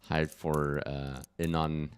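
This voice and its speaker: With an extremely low-pitched voice, a level tone, and a slow pace, a young German-accented man streams a game against a light hiss or hum. His let's-play talk is loose and rambling, full of chuckles and self-talk as he answers his chat.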